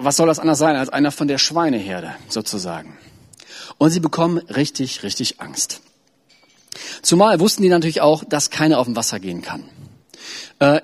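A man delivers a sermon in a relaxed, talky way, as if thinking aloud to his congregation. His voice sits a little high for a man and has a husky, breathy edge. He stumbles, restarts and fills pauses freely. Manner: chatty, loose, with many fillers and restarts. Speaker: preacher. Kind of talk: casual conversational sermon.

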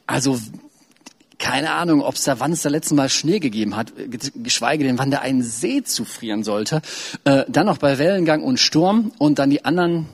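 A man's voice: medium pitch, moderate pace, breathy edge. A man preaching a sermon in a loose, conversational way, with frequent fillers and restarts.

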